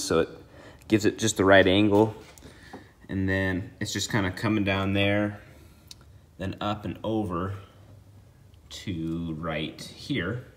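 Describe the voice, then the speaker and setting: A man with a deep voice hosts a do-it-yourself video, going through the job step by step in a relaxed, plain-spoken manner. There's slight background noise.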